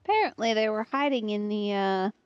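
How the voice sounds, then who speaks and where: A woman streamer hosting a let's play offers casual commentary, musing to herself in loose asides while she plays. Her medium-pitched voice is brisk and clear with a resonant tone. The close, dry recording sounds slightly dull.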